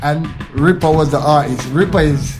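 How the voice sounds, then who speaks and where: A man's voice: on the high side, normal speed, faint music behind. A young man from Jamaica with a Jamaican accent, talking as a guest in a casual interview, thoughtful and often repeating words while he finds his phrasing.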